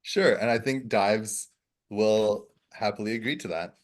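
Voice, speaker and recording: A man's voice: on the low side, measured pace. A man talking as a player in a tabletop horror game, mixing in-character talk with easy chatter.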